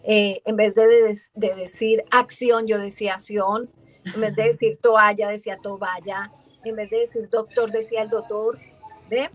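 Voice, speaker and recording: A voice actress from Valle del Cauca, Colombia, speaks with a Colombian accent at medium pitch and normal speed. As a guest in a casual interview, she tells her story in a lively way, acting out the voices of the people she quotes.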